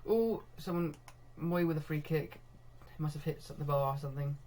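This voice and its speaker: A young man commentating live on his own football management game, getting excitable when goals come and laughing at himself. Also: fairly high pitch, moderate pace. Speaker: gaming video host.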